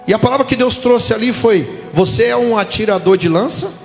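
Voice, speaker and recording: A man's voice: high voice, brisk, gravelly. A man from Brazil, a pastor preaching a sermon at a conference, telling stories and acting out quoted voices. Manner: animated storytelling with voiced quotes. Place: church conference hall. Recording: reverberant hall with music behind.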